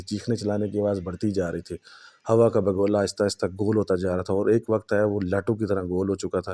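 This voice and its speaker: A man's voice: lowish voice, mellow. A man narrating a horror story in a dramatic way that builds suspense.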